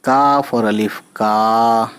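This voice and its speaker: Slow, patient man teaching reading. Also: fairly low pitch, fairly even intonation, a bit bright, smooth. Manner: patient, spells letters out slowly, often asks "right?". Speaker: Urdu teacher. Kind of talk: reading lesson.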